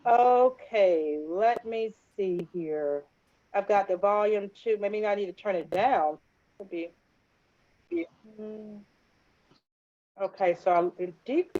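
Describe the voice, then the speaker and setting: A woman's voice: mid-range voice, takes it slowly, pauses often, dark tone. A woman teaching an online class. Her voice reaches the listener time-smeared and echoing, and it breaks up over the call while she adjusts her audio settings and checks in with her students. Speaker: instructor. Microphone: video call. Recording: muffled video call audio.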